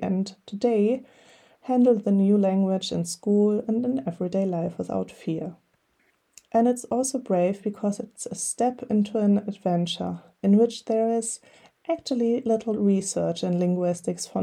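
With a medium-pitched voice, a dark tone, and noticeable vocal fry, a middle-aged German woman hosts her podcast. She reads an earnest, encouraging script in a German accent.

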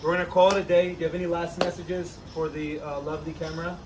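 A man hosting a casual outdoor chat, giving energetic, joking fitness advice beside an ice bath. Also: on the high side, fast, recorded from a distance, noisy background. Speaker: host, trainer.

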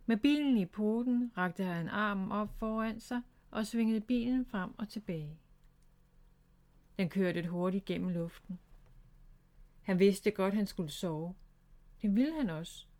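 A woman reads a children's chapter book aloud in a calm, gentle storytelling voice. Her pitch sits in the middle of the range. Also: pauses often. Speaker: storybook reader.

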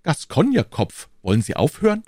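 A man's voice: on the high side, sing-song, moderate pace, gravelly, dry recording, clean studio sound, pitched above the performer's own voice. A man voicing an anxious, hesitant king who speaks in a raised, fretful way. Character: anxious, hesitant male king, uneasy ruler.

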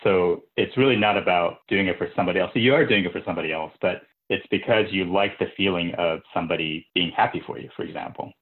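A man from Japan, a podcast guest, recalling his path in a reflective, relaxed way. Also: low voice, fast, hardly any pauses. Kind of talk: interview answers. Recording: tinny phone-like line.

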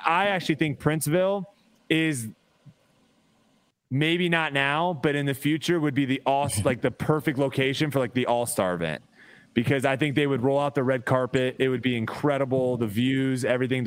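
Young male host, smooth clear voice, chatty and upbeat. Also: mid-range voice. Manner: chatty, upbeat, quick bursts. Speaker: podcast host. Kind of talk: casual podcast interview.

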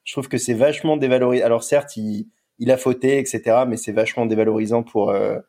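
Podcast guy w a dark mellow voice, kinda rambly, repeats himself. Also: mid-range voice, steady tone, fast. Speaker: podcast co-host. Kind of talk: casual podcast chat.

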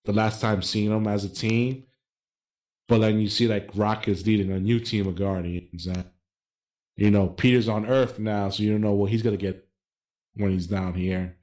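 A man's voice: fairly low pitch, steady tone, normal speed, a little mellow. A man co-hosting a podcast, explaining his views at length in casual chat with fillers. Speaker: podcast co-host.

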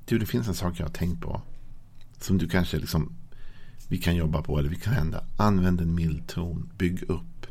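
A male pastor giving a gentle, conversational devotional sermon that speaks directly to the listener. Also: deep voice, vocal fry, slightly rough.

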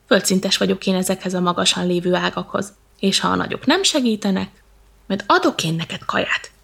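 A woman voicing a cheeky, hot-tempered little male monkey in a storybook reading, loud, high and excitable. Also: vocal fry. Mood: mocking.

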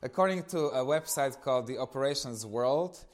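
Speaking at a normal speed with a medium-pitched voice, a man in his thirties from eastern Slovakia gives informal personal testimony as a guest speaker. His Slovak accent is noticeable, and he tells his stories animatedly, often amused at himself.

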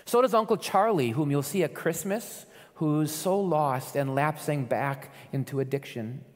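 A man preaching a sermon as pastor, earnest, rising to loud calls and dropping to soft pleas. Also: on the high side, a little slow, in a large hall.

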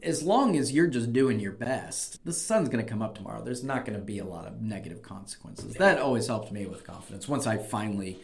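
A man's voice: lowish voice, lively intonation, brisk, gravelly, few pauses. Man explaining things on a conversational podcast. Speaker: podcast host and debate coach.

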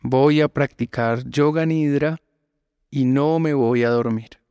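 Calm and measured, a male yoga teacher talks listeners through a meditation at a very slow pace, leaving long pauses between phrases. His medium-pitched voice is smooth and clear, recorded close and dry.

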